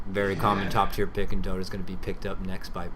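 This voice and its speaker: A man's voice: sits low, monotone, fast talker, a crowd in the background. A man doing amateur esports caster commentary on a game stream, chatty and repetitive. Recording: home stream with background game noise. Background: game sounds and announcer.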